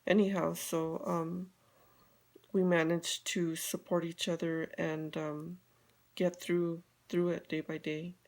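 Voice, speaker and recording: This beauty guide vlogger, an older woman from Colorado, USA, rambles casually on a live video, full of fillers and restarts. She talks slowly in a fairly low voice with little pitch movement.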